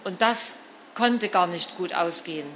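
A woman narrating a children's storybook in an expressive, lively reading style. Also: fairly low pitch, a little slow, slight background noise. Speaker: storybook reader.

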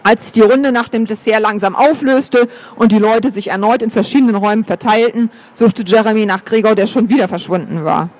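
Man reading an audiobook, high voice, steady storytelling. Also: fairly quick, hardly any pauses. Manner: even, storytelling. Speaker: audiobook narrator. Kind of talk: scripted narration.

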